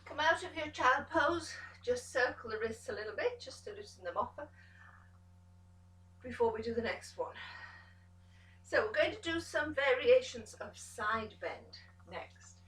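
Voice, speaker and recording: A woman pilates instructor giving calm step-by-step cues to an exercise class, encouraging as she goes. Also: a little high, a little slow, recorded from a distance. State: out of breath at times. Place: pilates studio room. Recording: echoey studio room, voice from off the mic.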